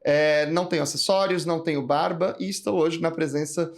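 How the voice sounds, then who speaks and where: Effusive higher-voiced male podcast host. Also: a little fast, creaky. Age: 30s. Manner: playful, effusive, flattering. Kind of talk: casual interview.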